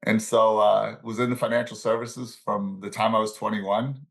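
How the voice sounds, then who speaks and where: Man, sixties, lowish voice, relaxed storytelling interview guest. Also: normal speed, gravelly. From born in Italy, raised in the Bronx, New York. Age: 60s. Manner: relaxed storyteller, chuckles between anecdotes. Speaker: guest, financial services professional and coach.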